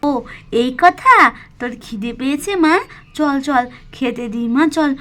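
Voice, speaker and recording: A woman's voice: high-pitched, unhurried. A woman voicing a poor, self-sacrificing young village mother who speaks emotionally and tenderly to her daughter.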